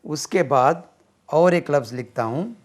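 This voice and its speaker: A man leads a spoken vocabulary lesson, his voice sitting a little high. He moves very slowly, spelling words letter by letter and checking with his listeners through a steady stream of "right?". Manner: patient, repetitive, asks "right?" often. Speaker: English teacher.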